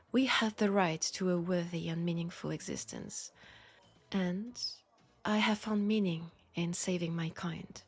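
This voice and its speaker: Husky and lowish, a woman with a French accent plays a seductive, lonely vampire of great age in an intimate audio roleplay. She speaks softly and deliberately, grave and tender, often sinking into a whisper, all in a solemn mood.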